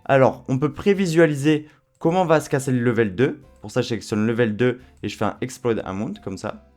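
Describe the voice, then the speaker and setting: A man walking viewers through a software tutorial in a relaxed, chatty way, with frequent fillers. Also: medium pitch, fairly quick, faint music behind. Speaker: tutorial host. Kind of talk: screen-recorded software tutorial.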